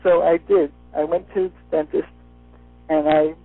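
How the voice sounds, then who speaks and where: Over a muffled phone line with faint music behind, a man with a fairly high, level voice speaks unhurriedly through a retainer in a dry recording. He's an interview guest sharing a personal testimonial.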